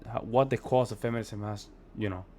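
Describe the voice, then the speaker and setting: A man's voice: on the low side, brisk, dark tone, a little hiss or hum. Emphatic man from Puerto Rico reacting. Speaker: reaction video host. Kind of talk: casual reaction commentary.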